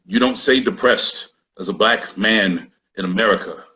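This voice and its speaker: A man's voice: lowish voice, normal speed, sharp tone. A man performing a slam poem with an intense, rhythmic spoken-word delivery. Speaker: slam poet.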